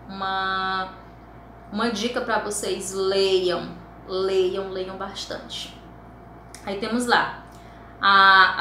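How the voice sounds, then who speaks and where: A Brazilian Portuguese-speaking woman teacher giving a recorded lesson, explaining patiently and slowing down to spell out word endings. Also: mid-range voice, sharp tone, echoey room, a little hiss or hum.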